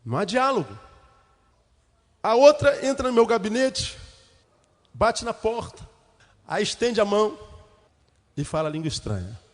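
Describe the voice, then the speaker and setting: A man from Brazil preaches from the pulpit, his voice pitched high and carrying a long church echo. He tells funny stories about church members, then builds into fervent, rhetorical questions. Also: big pitch swings, measured pace, pauses often. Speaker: pastor. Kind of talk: sermon with humorous anecdotes.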